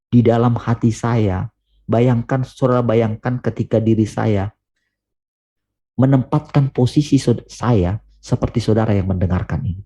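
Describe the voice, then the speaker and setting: Over a video call, a man preaches a sermon with earnest emphasis, building to urgent questions before sinking low and quiet. His voice has a breathy edge.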